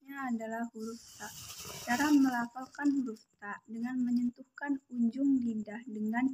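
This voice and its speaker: A young woman from Indonesia giving a Quran recitation lesson, explaining each letter slowly and carefully and drawing out the sample syllables. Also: fairly high pitch, mellow, slightly rough, rough recording. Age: young adult. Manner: slow, careful instruction with drawn-out sample syllables. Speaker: student presenting a lesson.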